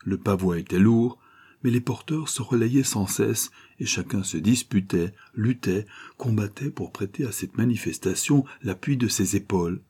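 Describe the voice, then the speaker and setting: Man reading a classic novel aloud, low dark voice, bit husky, measured. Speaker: audiobook narrator. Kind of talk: scripted narration of a classic novel.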